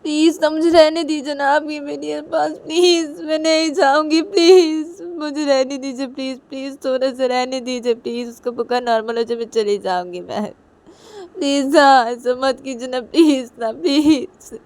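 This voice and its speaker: A woman's voice: high voice, fairly even intonation, slow pace, creaky, pauses often, pitched above the performer's own voice, exaggerated voice. A woman doing a pleading, tearful young woman. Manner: pleading, soft, repetitive.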